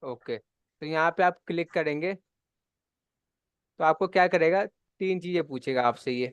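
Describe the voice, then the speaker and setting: A man's voice: a little high, unhurried, clean tone, dry recording. A man teaching a live spreadsheet class, explaining steps patiently and checking in often. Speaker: computer class instructor. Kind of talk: live online spreadsheet lesson.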